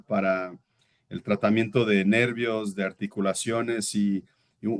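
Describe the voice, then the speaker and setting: A Brazilian-born man in his thirties, a native Portuguese speaker with a fairly low voice, appears as an interview guest. He shares a reflective, earnest personal testimony, sometimes pausing to search for words.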